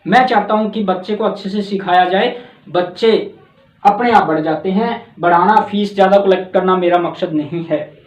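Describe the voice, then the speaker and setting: A man's voice: high-pitched, normal speed. A man from Haryana, a tuition teacher explaining his teaching methods in an earnest way, repeating key words as he goes. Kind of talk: explanatory talk. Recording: roomy, dull lo-fi sound.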